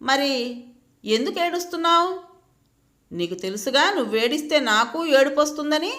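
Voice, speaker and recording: A caring grandmother, coaxing and soothing in her storybook lines, as a woman narrator puts her on. The voice sits high and bright, with a lively lilt. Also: moderate pace.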